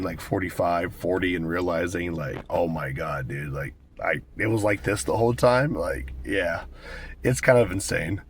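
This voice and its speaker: An American man in his twenties with a cold and a raspy smoker's voice, chatting casually and candidly to viewers with plenty of swearing. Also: low-pitched, a little hiss or hum. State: hoarse with a cold, smoker's rasp. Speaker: vlogger. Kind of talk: casual rambling talk to viewers.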